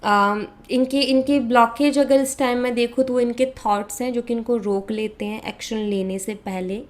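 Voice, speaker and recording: A woman from India giving a casual, conversational tarot reading to viewers, often mixing in English words and pausing on fillers. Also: on the high side, steady tone. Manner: conversational, mixes English into Hindi, frequent fillers. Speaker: tarot reader.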